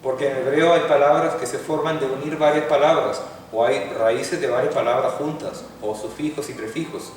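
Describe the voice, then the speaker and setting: A man teaches a Hebrew class, explaining patiently step by step and often checking in with his students. His voice sits at a middling pitch. The recording is distant and roomy, with a long hall reverb. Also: steady tone, moderate pace, few pauses, slight background noise. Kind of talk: classroom lecture. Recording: echoey hall from far off.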